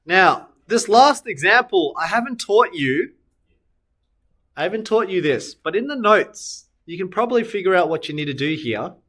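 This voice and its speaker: In a recorded maths lesson, a man with a high-pitched, very animated voice walks students through each step at a moderate pace. His tone is fairly bright, and he poses questions only to answer them himself, correcting his on-screen sketches as he goes.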